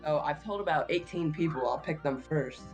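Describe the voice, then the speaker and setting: A guest on a game draft stream who announces a pick in a relaxed, self-deprecating way. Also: mid-range voice, brisk, faint music behind. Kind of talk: casual stream chat.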